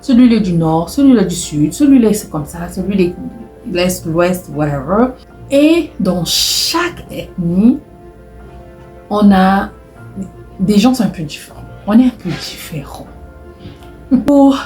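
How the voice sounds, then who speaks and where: A woman's voice: mid-range voice, very animated, a little slow, long pauses, dark tone, soft background music. Chatty Congolese woman in an echoey room. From Republic of the Congo (Brazzaville). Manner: chatty, addresses viewers directly, repeats phrases for emphasis. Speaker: vlogger. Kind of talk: casual advice talk to camera.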